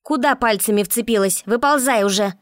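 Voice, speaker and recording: A woman's voice: a little high, brisk, dry recording, studio quality, pitched above the performer's own voice, natural voice. A woman reading an audiobook voices a bossy, scolding female water spirit in a raised voice. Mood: commanding.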